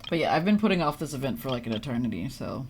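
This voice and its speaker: A young adult live streamer gives rapid-fire, very animated commentary while playing a game, casual and self-deprecating. The medium-pitched voice carries a slight hiss or hum, with game music behind the indoor stream.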